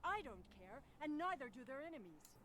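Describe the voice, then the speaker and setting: A woman's voice: high voice, very animated, a little fast, sharp tone, slight background noise, exaggerated voice. An actress playing an imperious, ruthless female alien antagonist in a video game, cold and commanding.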